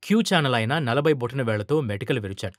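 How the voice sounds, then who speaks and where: A man narrating a story in a steady, expressive reading voice. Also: mid-range voice, fast, dry recording, studio quality. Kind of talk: scripted narration.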